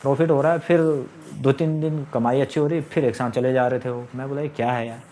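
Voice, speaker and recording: A man's voice: medium pitch, fairly even intonation, fairly quick, dark tone, slight background noise. A young man telling his own story in a casual, aggrieved monologue to camera, often quoting others. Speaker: vlogger.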